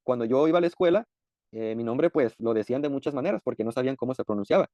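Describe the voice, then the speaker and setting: A man teaching a sermon-style Bible lesson, explaining patiently frequent "eh" pauses. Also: medium pitch, animated, dry recording, highs cut off.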